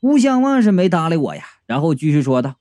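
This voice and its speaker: A man's voice: on the high side, very animated, fast talker, mellow, no room sound, clean studio sound. A man narrating a comic audiobook in first person, wry and chatty.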